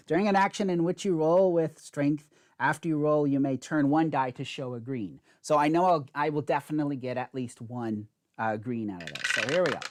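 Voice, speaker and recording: Man talking through a board game. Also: medium pitch. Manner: explains rules step by step while playing; chatty, self-mocking asides. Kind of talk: solo board game playthrough.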